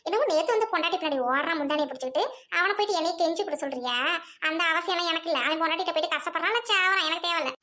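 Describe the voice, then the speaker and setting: A bitter, scheming mother-in-law with a very high, piercing voice, played by a woman. She scolds and taunts in a family drama. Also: racing, pushed and bright. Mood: scornful. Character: sharp-tongued scheming middle-aged mother-in-law.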